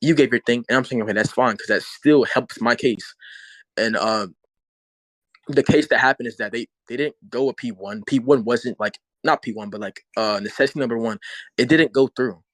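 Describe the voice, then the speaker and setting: A man's voice: mid-range voice, moderate pace, no echo, poor audio. A man arguing in a heated casual debate, repeating himself and swearing as he pushes his point.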